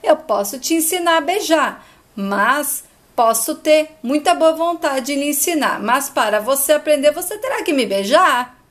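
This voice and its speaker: A woman's voice: sits high, expressive, moderate pace, a bit bright, pitched above the performer's own voice. Woman doing a flirty guy, teasing and playful, still her own voice.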